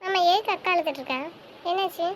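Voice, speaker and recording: A man's voice: very high voice, fast, fairly bright tone, a little hiss or hum, pitched above the performer's own voice. A man voicing a playful, cheerful little girl who asks sweetly in a sing-song way, recorded on a dull lo-fi track. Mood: chirpy.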